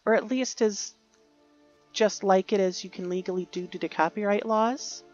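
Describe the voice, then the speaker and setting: A woman's voice: mid-range voice, moderate pace, darkish tone, highs cut off, faint music behind. A woman giving casual, rambling commentary while playing a video game, musing aloud and correcting herself. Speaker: gaming youtuber.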